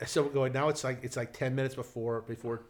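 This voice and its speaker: A middle-aged man spins a casual anecdote as a television writer, in a medium-pitched voice. He tells it in a lively way, with many restarts and side remarks. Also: fast talker. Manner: lively storyteller, frequent restarts and asides.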